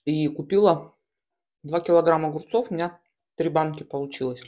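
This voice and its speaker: A woman's voice: sits low, mellow. Woman chatting mid-mukbang, chewing between phrases. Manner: talks while chewing and smacking, with pauses between bites; colloquial, slangy. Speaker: mukbang host. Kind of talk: casual mukbang chat while eating. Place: small room at home, at a table.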